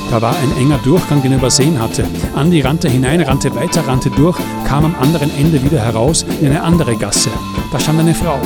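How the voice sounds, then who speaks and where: A man narrating an audiobook in a calm, measured way. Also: medium pitch, loud music behind the voice.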